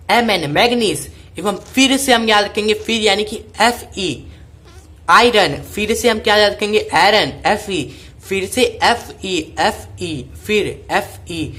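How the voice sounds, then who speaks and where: Teacher, woman, repetitive drill-style explainer, mid-pitched. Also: fairly bright tone. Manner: repetitive, call-and-response drilling. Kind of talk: chemistry mnemonic lesson.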